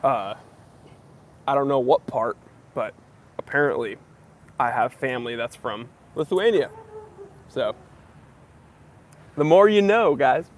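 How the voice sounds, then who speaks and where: A young American man hosts a casual live Q&A stream, reading comments, greeting viewers by name and joking around. His voice is medium-pitched and slow with frequent pauses, and he's a little wheezy as he recovers from a recent cough.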